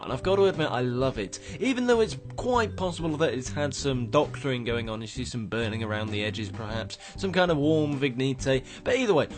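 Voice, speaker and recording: With a medium-pitched voice still a touch croaky from just getting up, the man hosting the gaming show talks casually over game screenshots. His commentary rambles, full of restarts.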